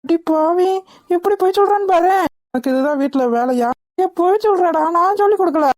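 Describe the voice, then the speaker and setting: A woman voicing an exasperated, sharp-tongued aunt in a cartoon, scolding and chiding. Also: very high voice, expressive, a little fast, slight background noise. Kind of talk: cartoon voice acting.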